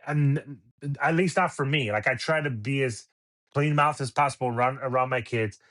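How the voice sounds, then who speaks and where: A middle-aged podcast host rants opinionatedly about sports radio, firing off exasperated rhetorical questions. His medium-pitched voice has a fairly bright tone and moves at normal speed.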